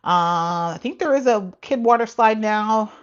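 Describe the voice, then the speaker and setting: A woman's voice: mid-range voice, animated, a little slow, lo-fi sound. A woman running a casual live-stream Q&A as a cruise travel agent, talking frankly with many asides and frequent laughs.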